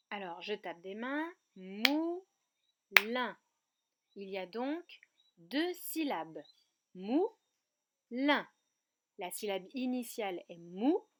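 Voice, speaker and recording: A woman teaching a remote kindergarten lesson, speaking slowly and clearly and breaking words into syllables. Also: on the high side. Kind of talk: remote lesson for young children. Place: outdoor terrace at night.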